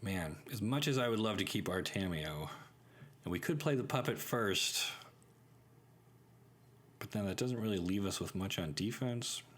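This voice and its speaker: A man's voice: lowish voice, animated, normal speed, pauses often, a bit bright. A man hosting a card-game channel, thinking aloud and commenting on his plays in an upbeat way. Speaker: gaming channel host. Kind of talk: casual gameplay commentary.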